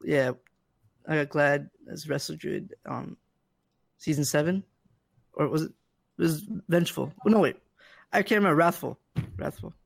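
A man's voice: fairly high pitch, moderate pace, creaky, long pauses, no echo. A man in casual podcast chat, hesitant and stammering, repeating his words.

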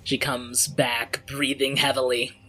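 A man's voice: medium pitch, flat delivery, slow, pushed and bright, breathy edge. A man working as game master, narrating scenes and explaining rules casually. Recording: music playing behind the voice. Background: background music.

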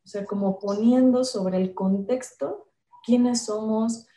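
A young Mexican woman talking casually about emotions, animated and acting out the voices she quotes. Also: a little high, takes it slowly, reverberant. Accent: Mexican Spanish.

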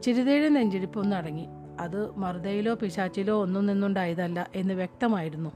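Brief: female audiobook narrator, steady and measured, middle pitch, clear music underneath.

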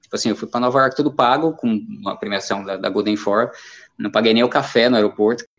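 A Brazilian amateur runner in his fifties speaks fast in a lowish voice with a fairly bright tone. Chatting as an interview guest, he tells meandering stories loaded with fillers, and the recording sounds dull and lo-fi.

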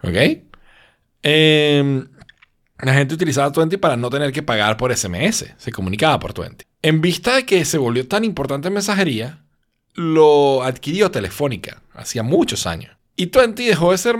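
A sleepy Venezuelan man with a Venezuelan Spanish accent hosts a casual podcast, rambling through a story full of little tag questions. His voice is a little high with lively intonation, at a moderate pace.

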